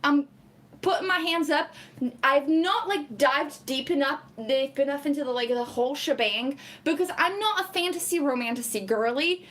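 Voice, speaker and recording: Speaking at a normal speed, the young Portuguese woman has a high, slightly bright voice. English isn't her native tongue, and she chats casually on her stream, laughing a lot, reading comments and saying "like" constantly.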